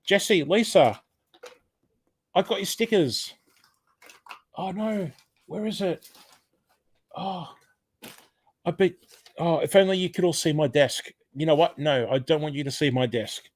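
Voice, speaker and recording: A man with an Australian accent chats casually during a live stream, reading comments aloud with lots of fillers and restarts, and thanks viewers warmly. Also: on the high side, normal speed. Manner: chatty, rambling, with many fillers and restarts; warm thanks to viewers, often exclaiming.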